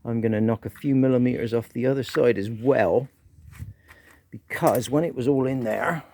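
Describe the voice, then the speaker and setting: A man's voice: mid-range voice, moderate pace, dark tone, slight background noise. A man talking casually through a motorbike repair, muttering asides to himself. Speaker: motorbike vlogger. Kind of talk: casual workshop how-to.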